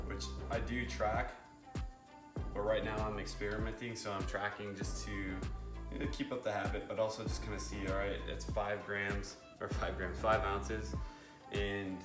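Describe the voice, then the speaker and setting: A man in his late twenties with a fairly low voice speaks in a casual fitness vlog. He gives coaching tips in an informal, conversational way. Music plays clearly behind him. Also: echoey room. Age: late 20s. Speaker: fitness vlogger.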